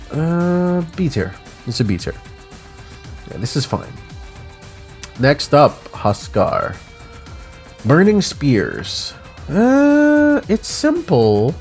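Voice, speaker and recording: A man's voice: on the high side, darkish tone. A man who is sick, casually rambling through an unscripted ranking of game icons with many fillers, recorded at home on a desk mic while wearing headphones. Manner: rambling, casual, offhand verdicts with frequent fillers. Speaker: gaming video creator ranking icons. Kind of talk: unscripted tier-list commentary.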